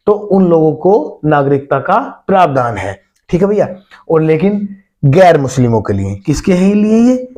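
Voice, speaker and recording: A man's voice: on the high side, mellow. A man giving an exam-prep lesson, asking the listeners questions and repeating key points, calling them brother and friends. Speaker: teacher.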